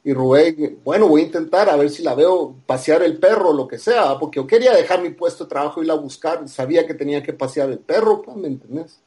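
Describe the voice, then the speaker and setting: A man's voice: on the high side, a little fast, few pauses, dark tone. A man with a Guatemalan accent, a podcast guest telling a personal story casually. He acts out the dialogue and keeps tagging his lines with a questioning "ah". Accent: Guatemalan Spanish.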